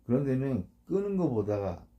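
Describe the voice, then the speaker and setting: A man's voice: mid-range voice, sing-song, moderate pace, highs cut off. A man, a fishing boat captain, giving casual blunt advice to anglers. He keeps asking for agreement and imitates the sounds of the gear. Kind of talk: casual instructional talk.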